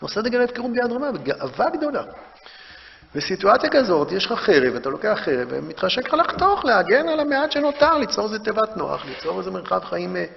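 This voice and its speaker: A man giving an impassioned Torah lecture, rising to loud emphasis and halting to restart his words. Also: sits high, very animated, gravelly. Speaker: rabbi teaching a memorial class. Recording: dull recording in a reverberant hall.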